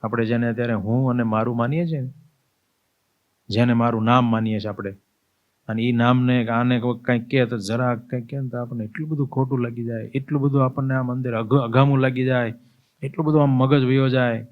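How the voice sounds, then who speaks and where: A man's voice: medium pitch, flat delivery, a little fast, narrow, tinny audio. A man, a swami, giving a spiritual discourse as vivid storytelling and acting out scenes. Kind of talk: spiritual sermon.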